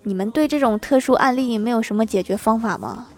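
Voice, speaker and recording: A woman's voice: fairly high pitch, a little fast, background noise. A woman reading out short funny anecdotes, adding playful, wry asides to her listeners. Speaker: comedic storyteller.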